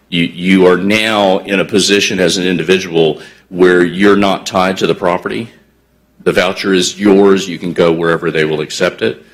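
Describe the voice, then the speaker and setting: A man presenting as a housing developer at a county commission meeting, explaining at length with many fillers and restarts. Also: low-pitched.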